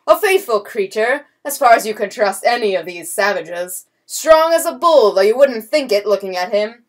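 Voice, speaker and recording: A woman's voice: medium pitch, expressive, moderate pace, natural voice. A woman reading a storybook voices a blustering, pompous swindler count who barks commands. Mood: commanding. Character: blustering swindler count, grown man, bold. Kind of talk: audiobook character voice.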